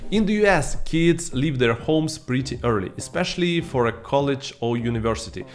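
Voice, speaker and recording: A vlogger in his thirties, not a native English speaker, talks fairly quickly to camera in a scripted vlog, lively and tossing playful asides to viewers. He's recorded on a boom-arm studio mic in a dim room at home.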